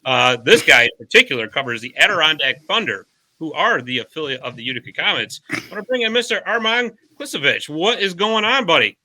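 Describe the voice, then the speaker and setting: A man's voice: a little high, big pitch swings, a little fast, bright, forceful tone, no room sound. A man hosting a casual hockey podcast, jokey and chatty, recording remotely. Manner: jokey, chatty, laughs often. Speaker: podcast host. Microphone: remote call setup.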